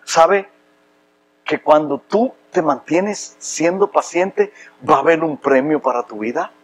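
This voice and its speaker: Impassioned pastor, high voice. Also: male voice, takes it slowly, low-quality recording. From Puerto Rico. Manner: impassioned, rising to loud emphatic preaching. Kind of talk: sermon.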